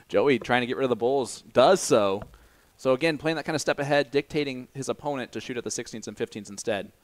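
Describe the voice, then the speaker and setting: Male stream host and sports commentator, American accent, average pitch, casual, joking banter. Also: moderate pace. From Indiana, United States. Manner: joking, teasing.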